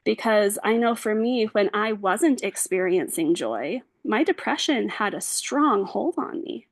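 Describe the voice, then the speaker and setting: A woman's voice: mid-range voice, expressive, unhurried, no room sound. A woman giving an informal lecture to an audience, affirming and conversational, with frequent casual fillers. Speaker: lecturer and social worker. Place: bookstore event space.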